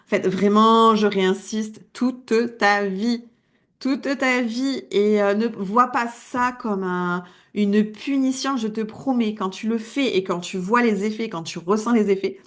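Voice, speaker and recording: A woman with an accent in French, a coach giving a casual, lively video lesson and laughing at herself as she talks. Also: mid-range voice, a little slow, hardly any pauses. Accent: non-standard French accent. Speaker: wellness coach.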